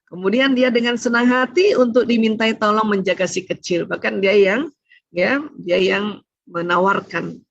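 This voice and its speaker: A middle-aged woman giving a lively religious family seminar, acting out quoted mothers-in-law and saying "ya" often. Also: medium pitch, moderate pace, creaky, dry recording. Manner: animated, acts out quoted mothers-in-law, frequent "ya". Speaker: seminar speaker on family relations. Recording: dull lo-fi seminar recording.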